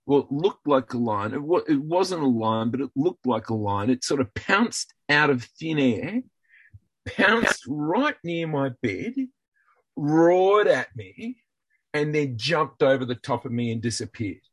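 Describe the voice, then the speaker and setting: Husky man telling an earnest story. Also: mid-range voice, big pitch swings, a little slow, fairly bright tone, dry recording, rough recording. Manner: earnest storytelling with many restarts. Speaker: guest.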